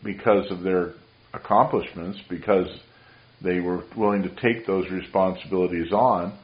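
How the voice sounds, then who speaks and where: Speaking at a normal speed with a deep, fairly even delivery, this man rambles earnestly through a sermon like a preacher. His carrying voice, which he says reaches far, is captured in a dull, roomy recording.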